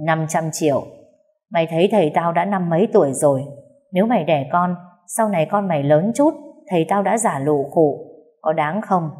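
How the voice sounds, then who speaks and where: A woman's voice: on the low side, moderate pace, darkish tone, natural voice. A woman voicing a grown son of a rich family who speaks in a curt, commanding, businesslike way. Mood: cold.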